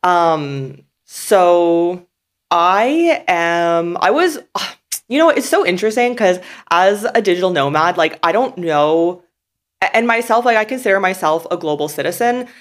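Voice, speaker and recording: A woman's voice: on the low side, animated, measured pace. A woman in her twenties from Canada, hosting a podcast and talking in a loose, rambling way full of fillers and restarts. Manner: rambling, filler-heavy, lots of "like". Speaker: podcast host. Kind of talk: casual podcast chat.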